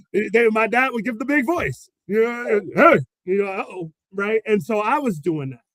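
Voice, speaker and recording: In a high-pitched voice and at a slightly slow pace, a special education teacher recounts stories during an interview, often laughing and acting out quotes. He is a man, and the recording is dry.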